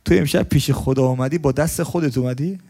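A man giving a colloquial sermon in a mosque, telling stories and asking the congregation questions, swinging between loud stresses and hushed lines. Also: medium pitch. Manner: storytelling, asks the congregation questions. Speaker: preacher.

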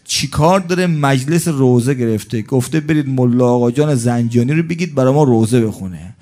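A man's voice: medium pitch, expressive, mellow. A male preacher telling a mourning sermon story with emotional, dramatic recitation.

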